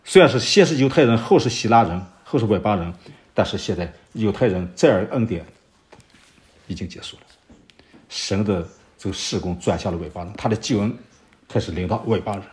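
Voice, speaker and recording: A man preaching an expository Bible sermon, walking through verses and asking rhetorical questions, sometimes pausing with fillers while searching for references. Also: fairly low pitch, lively intonation, a little mellow.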